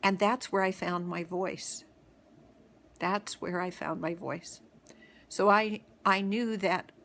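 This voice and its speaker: In a reflective personal story told for her daily video series, a middle-aged host frequently stops, pauses, and starts over, speaking in a mid-range voice.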